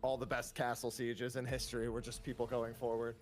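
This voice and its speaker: A man's voice: medium pitch, completely flat delivery, fairly quick, soft background music. A man chatting on voice chat during a game, joking and giving matter-of-fact tips. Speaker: guildmate on voice chat. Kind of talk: casual gaming chat.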